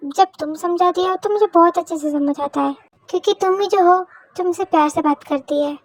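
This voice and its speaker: A woman with an extremely high, childlike voice performs every part of a homemade fan audio drama herself. She switches quickly between roles in snappy, bickering dialogue. The recording is completely dry. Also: dry recording.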